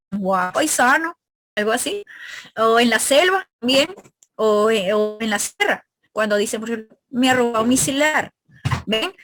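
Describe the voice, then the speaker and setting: A woman from Peru's northern coast, speaking with that region's Spanish accent, teaches a recorded pre-university review lecture, explaining step by step and regularly checking in with students. Her voice is fairly high, pushed, and bright, with a little hiss or hum.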